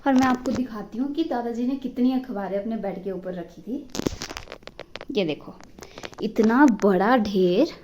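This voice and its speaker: A young woman from Himachal Pradesh chatting warmly to her viewers in a casual home vlog, recorded on a phone indoors. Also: on the high side, normal speed, noisy background. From Himachal Pradesh, India. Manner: chatty and affectionate, talking to the viewers while doing chores. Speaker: vlogger.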